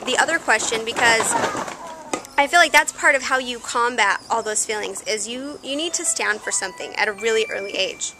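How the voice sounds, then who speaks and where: Giggly high-voiced woman vlogger. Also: brisk, bright, forceful tone. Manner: giggly, chatty, often breaks off. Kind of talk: casual chat. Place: outdoors in the shade. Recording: home video with noisy background.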